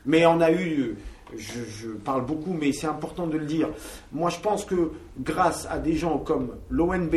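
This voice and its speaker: A man's voice: on the high side, a little mellow. Talkative man from Algeria, roomy. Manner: talkative, searching for words with many fillers. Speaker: band member. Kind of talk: interview answers. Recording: roomy, from a distance.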